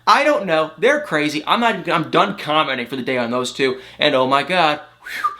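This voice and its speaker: The host of a reality TV recap channel, a man with a slightly high, sharp-toned voice at moderate pace, chats in a gossipy, exasperated way. His retelling is exaggerated and dramatic, complete with mimicked dialogue.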